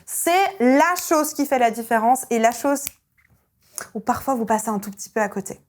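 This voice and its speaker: Lively woman vocal coach. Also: on the high side, moderate pace. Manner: energetic and emphatic, with sung vowel demonstrations. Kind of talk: online singing lesson.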